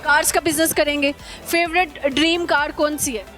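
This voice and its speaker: On a street full of crowd noise and music, a young woman hosts an interview, playfully mocking her guest and laughing often. Her high-pitched voice stays fairly even in intonation at a normal speed.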